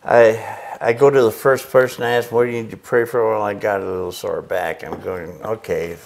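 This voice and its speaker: Speaking in a lowish, creaky voice with a steady tone and moderate pace, an older man recounts growing up in Chile and his life as a missionary. It's a casual interview where he laughs and acts out how he reacted. A lapel mic captures him in an indoor workshop with a pegboard wall.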